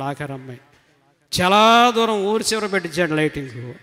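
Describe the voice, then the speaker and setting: A middle-aged man pours out a fervent personal testimony to a church retreat congregation. His fairly high voice surges into loud emphatic cries, then drops to soft, low asides. Everything rings with the long reverb of a large hall.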